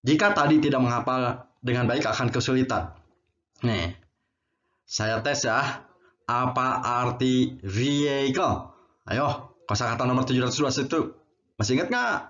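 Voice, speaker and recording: A man's voice: medium pitch, a little slow, fairly bright tone, muffled recording. Man teaching English vocabulary. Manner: repeats words and explains, adds "ya" to phrases. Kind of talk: vocabulary lesson with drills.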